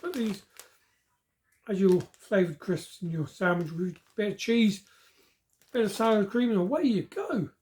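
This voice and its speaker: A woman's voice: mid-range voice, moderate pace, long pauses, darkish tone. A woman giving a casual, chatty food review, repeating words for emphasis. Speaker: snack reviewer.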